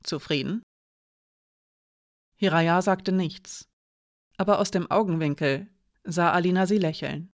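An audiobook narrator reading a fantasy novel in a steady, clear storytelling voice of middling pitch. The recording is close and dry, with no room sound. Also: unhurried, no room sound. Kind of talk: scripted narration.

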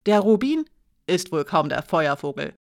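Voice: medium pitch, very animated, normal speed, vocal fry, no echo, studio quality. A narrator voicing a proud woman guard who speaks sharply and with menace, in an audiobook. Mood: stern. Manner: sharp, hard, threatening.

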